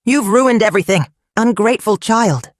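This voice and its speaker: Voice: mid-range voice, lively intonation, normal speed, no echo, studio quality, pitched above the performer's own voice, natural voice. A storyteller voicing a bitter, furious stepmother in a folktale who scolds harshly.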